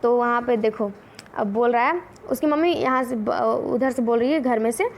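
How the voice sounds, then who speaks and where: A woman teacher explaining a children's story, reading it out and voicing the characters. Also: on the high side. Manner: repeats lines slowly, asks the class questions.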